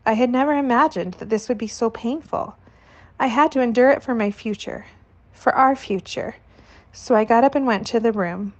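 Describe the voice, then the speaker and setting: Slow, measured woman reading a novel. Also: on the high side. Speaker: narrator.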